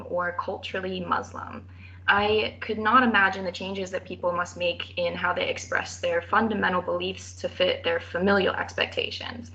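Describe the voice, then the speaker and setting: A woman's voice: medium pitch, fairly bright tone, muffled recording, slight background noise. A young woman giving a prepared academic thesis presentation in a formal, careful manner with occasional hesitations. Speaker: student presenter defending a thesis.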